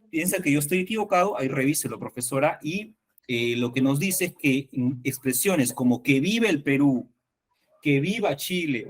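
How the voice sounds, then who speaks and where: A man teaching an online workshop for teachers, explaining patiently and often checking that the class agrees. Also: mid-range voice. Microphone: video call.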